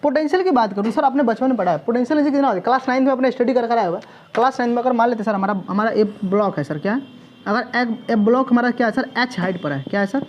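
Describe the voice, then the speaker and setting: A male physics coaching teacher lectures his class in a chatty, teasing way, constantly making sure students are following and peppering his speech with "sir" and check questions. His voice is very high-pitched and racing, and the sound is lo-fi.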